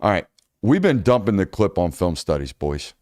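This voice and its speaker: A man's voice: low voice, big pitch swings, moderate pace, a little mellow, dry recording, studio quality. A man hosting a casual college football show, talking loosely and correcting himself as he goes. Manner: loose, rambling, self-correcting. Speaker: host. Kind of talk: casual sports podcast chat.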